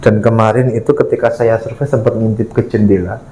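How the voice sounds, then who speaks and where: A man from Indonesia, narrating a night paranormal exploration vlog in short halting phrases as he explains things to viewers. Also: on the low side, steady tone, warm tone, slight background noise. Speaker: host of a paranormal exploration show.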